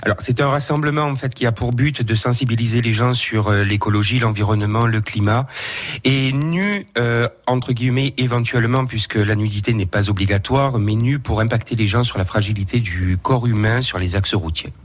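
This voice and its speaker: A man's voice: mid-range voice, a little fast. A man, president of an association, answering interview questions with frequent hesitations and self-corrections.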